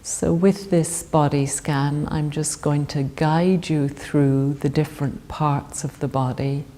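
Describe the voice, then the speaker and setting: Guiding listeners through a body scan meditation, a woman talks in a gentle, very slow manner. Her voice is low and mellow, and calm pauses separate her phrases.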